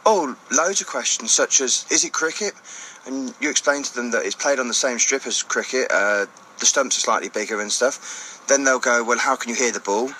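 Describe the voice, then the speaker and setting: A man's voice: medium pitch, normal speed, sharp tone, slight background noise, low-quality recording. A man giving informal, step-by-step explanations as an interview guest. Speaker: interview guest, blind cricket player. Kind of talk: casual explanatory interview talk.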